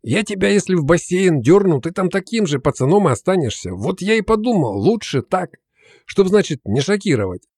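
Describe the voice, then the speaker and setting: A gruff, cocky uncle figure with powers beyond the living talks down in crude slang, as a man reads him out in an audiobook. The tone is dark and mellow and close to the mic in a dry room, with the swagger of a street tough who has seen it all. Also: high voice, sing-song, brisk, no room sound, pitched above the performer's own voice, exaggerated voice. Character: coarse, cocky middle-aged uncle spirit.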